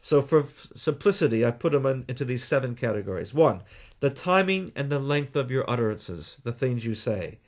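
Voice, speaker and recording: A Canadian man talking as a guest in a radio interview, explaining things in a measured way with deliberate pauses. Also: medium pitch, lively intonation. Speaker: guest, communication trainer.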